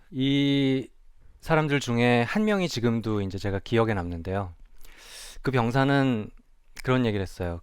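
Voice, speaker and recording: A man's voice: medium pitch, clean tone, no echo. Earnest male psychiatrist, dry close sound. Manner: reflective and earnest, asks the audience rhetorical questions. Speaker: child and adolescent psychiatrist giving a talk. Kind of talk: public lecture talk. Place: stage before a live audience.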